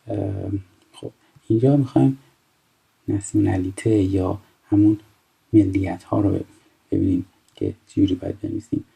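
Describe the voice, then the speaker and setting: A man in his twenties from Iran teaching a recorded French lesson, explaining step by step and reading French phrases slowly before translating them. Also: lowish voice, gravelly, dark tone, slightly rough, rough recording. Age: 20s.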